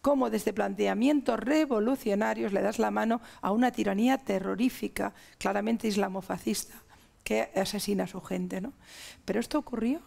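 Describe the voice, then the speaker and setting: Emphatic Spanish woman with a gravelly voice. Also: mid-range voice, moderate pace, darkish tone. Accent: Spanish (Spain). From Spain. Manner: emphatic, listing ideas in long chains. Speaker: guest. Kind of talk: TV interview.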